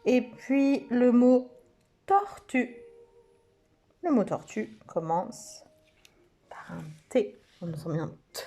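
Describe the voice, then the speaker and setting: A woman teaching preschool children, speaking slowly and stretching out each word and letter sound. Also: a little high, expressive, mellow, faint music behind. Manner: slow, sing-song, stretches out words and letter sounds. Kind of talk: slow lesson for young children.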